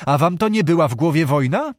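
A boastful, dreamy young knight from a storybook, talking with excitable eagerness, as a man acts him out. His voice runs high and is recorded dry and close. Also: brisk, no room sound, lightly acted. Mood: eager. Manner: eager, excitable archaic speech.

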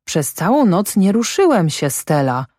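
A woman's voice: on the low side, sing-song, unhurried, warm tone, no room sound, clean studio sound, voice pushed up. Woman doing a dazed, sick farmhand. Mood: bewildered. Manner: bewildered, pleading, tearful.

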